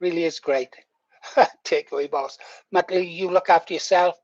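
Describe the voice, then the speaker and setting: A man's voice: on the high side, steady tone, normal speed. A man over sixty, chatting casually to viewers as he hosts a livestream. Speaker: livestream host. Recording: muffled, echoey room.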